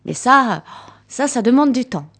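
After a performance, a woman from Canada who acts on stage fields questions from kids, explaining theatre patiently and repeating words to stress them. She speaks at a measured pace in a fairly high, slightly bright voice with lively intonation.

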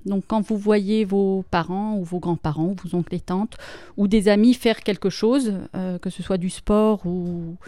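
A woman writer answering children's interview questions, thoughtful and plain-spoken, pausing with small fillers. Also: medium pitch, steady tone, mellow, no room sound.

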